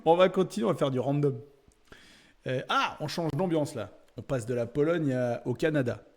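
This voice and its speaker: Gravelly-voiced chatty man. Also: a little high, animated, moderate pace, long pauses. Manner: chatty, laughing, thinking aloud with many fillers. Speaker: YouTuber exploring a website. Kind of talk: casual screen-share commentary.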